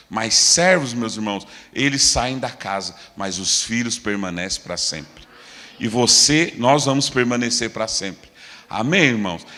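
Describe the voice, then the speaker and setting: A Brazilian man preaching a sermon with fervor, swinging between loud declarations and quiet, low asides. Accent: Brazilian Portuguese. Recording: echoey church hall.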